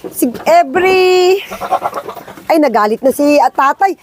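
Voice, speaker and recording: A woman's voice: high voice, lively intonation, a little slow, slight background noise. A Filipino woman vlogging casually, cooing in sing-song baby talk and laughing often. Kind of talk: casual vlog commentary.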